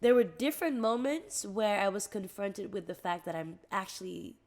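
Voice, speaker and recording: Animated young woman from the Netherlands. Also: medium pitch, moderate pace. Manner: animated, laughing, restarts sentences. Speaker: guest actress. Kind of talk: casual interview chat.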